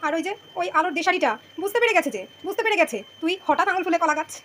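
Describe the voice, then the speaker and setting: A woman's voice: very high voice, rapid-fire, a bit bright, slight background noise. A young adult woman delivering a sarcastic, taunting monologue straight at someone, mocking and scolding. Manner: mocking, taunting, direct address. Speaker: vlogger venting about family. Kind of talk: sarcastic monologue with sung lines.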